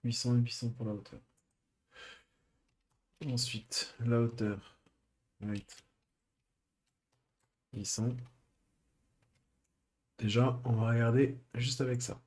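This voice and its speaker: A man streaming a live coding session, thinking aloud with many pauses and fillers. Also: medium pitch, flat delivery, a little mellow.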